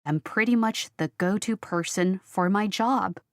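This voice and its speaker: A woman speaking as a graphic designer in a scripted textbook interview, explaining her work clearly. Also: mid-range voice, measured pace, dry recording, clean studio sound.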